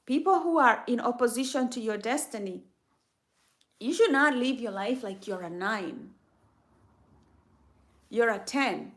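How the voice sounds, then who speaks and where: Woman from kenya preaching self-love on a stream, kinda high voice, emphatic, repeats herself a lot. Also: expressive, a little slow, long pauses. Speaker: livestream host. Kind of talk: faith-based motivational talk.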